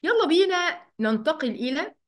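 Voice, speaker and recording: A woman with an Egyptian Arabic accent and a high, sing-song voice teaches an online Quran recitation lesson on a computer mic, with the sound of her writing with a mouse. She explains each rule step by step, poses questions to the class, and stretches the recited words out slowly.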